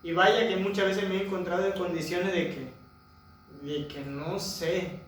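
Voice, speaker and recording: Preacher guy, high voice, booming echo, heard from across the church. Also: steady tone, a little slow, slight background noise. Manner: rhetorical questions to the congregation. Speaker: pastor. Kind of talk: sermon. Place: church hall. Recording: echoey church hall from far off.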